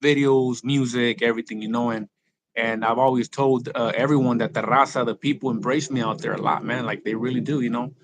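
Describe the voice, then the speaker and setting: A man's voice: medium pitch, steady tone, fairly quick, crowd noise. A Mexican-born man who grew up in California, speaking, talks casually as a rap artist guest, full of slang and restarts. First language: Spanish. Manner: laid-back slang-heavy talk, many restarts. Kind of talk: casual interview chat.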